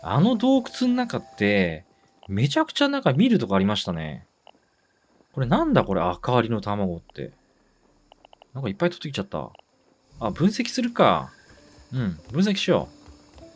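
A man giving let's-play commentary, excitable, talking to himself and repeating words in quick bursts. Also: mid-range voice, breathy edge. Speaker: game streamer.

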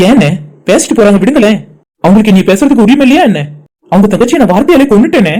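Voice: mid-range voice, lively intonation, very fast, dark tone, close to an everyday voice. A voice actor playing a grieving, guilt-ridden young man in a cartoon drama, sorrowful and apologetic. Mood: despairing.

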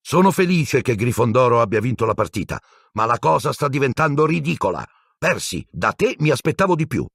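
A man's voice: a little high, sing-song, normal speed, no room sound, studio quality, pitched above the performer's own voice. A man playing a stern older woman professor. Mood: stern, scolding. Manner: sharp, scolding.

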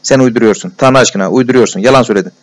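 A man voicing an excitable, impulsive young male friend who bursts into disbelieving exclamations, in a storybook reading. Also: mid-range voice, rapid-fire, lightly acted. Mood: excited.

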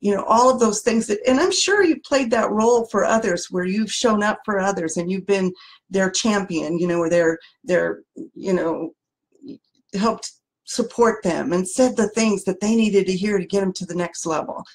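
A woman's voice: mid-range voice, moderate pace. A middle-aged woman life coach giving an earnest motivational talk, often restarting sentences as she searches for words.

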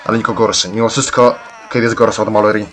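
A man doing let's-play gameplay commentary, ranting excitably and yelling at the characters. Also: on the low side, fast talker, some chatter behind, a little hiss or hum.

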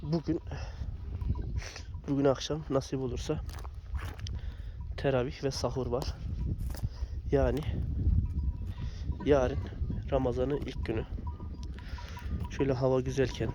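A man talks casually to viewers in a mid-pitched voice that is slightly hoarse from a cold. He explains things plainly, like a herder vlogging from open pasture, with clear outdoor noise and livestock behind him. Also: level tone, unhurried, pauses often. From Turkey, a village in Tokat province. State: sick with sore throat and phlegm, slightly hoarse. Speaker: goat herder and video blogger. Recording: noisy outdoor recording with livestock sounds. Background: goats and animal sounds, outdoor noise.

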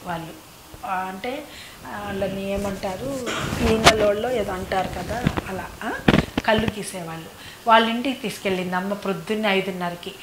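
A woman's voice: medium pitch, moderate pace, pauses often, background noise. A woman recounting memories in a rambling, repetitive storytelling way, often circling back over her phrases. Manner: rambling, repeats phrases, fills with "annamaata". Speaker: devotee recounting memories of a saint. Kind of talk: reminiscing oral storytelling. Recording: echoey room.

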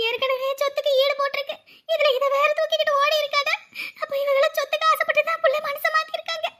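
Casting note: very high, bright woman with a Kanyakumari Tamil accent, cartoon village quarrels. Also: little pitch movement, quick pace, a little hiss or hum.

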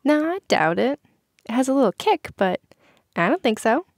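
A carefree teenage party girl, breezy and playful, as a woman narrator puts her on. Her voice rides high above the narration and has a slight rasp. It is a storybook reading in a dry, close recording. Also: sing-song, moderate pace, no room sound, exaggerated voice.

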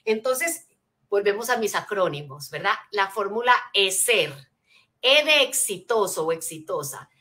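Bright-voiced woman teaching a seminar. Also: medium pitch, measured pace. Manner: energetic teacher, frequent rhetorical check-ins; spells out acronyms, asks listeners to take notes. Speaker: motivational speaker. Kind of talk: motivational seminar talk.

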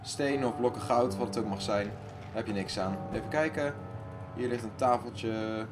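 A man hosting a let's play who talks to himself and loudly panics while playing. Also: mid-range voice, moderate pace, over music. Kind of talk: casual gaming commentary.

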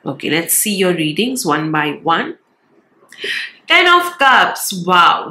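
A woman with a cold and a nasal voice, giving a casual tarot card reading with a gentle, reassuring manner. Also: fairly low pitch. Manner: gentle, reassuring, frequent "wow" and "all right".

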